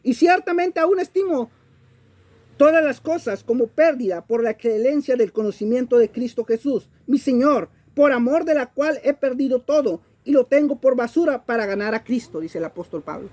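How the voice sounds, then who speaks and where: High-voiced Mexican woman preaching a sermon. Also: expressive, normal speed, darkish tone. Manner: emphatic, repeats words while searching for them.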